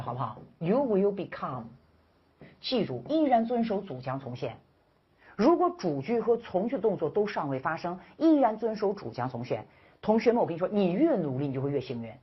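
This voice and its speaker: A woman's voice: lowish voice, breathy edge, dull audio. A woman teaching English grammar in an online lecture, playful and teasing, often acting out her students' questions.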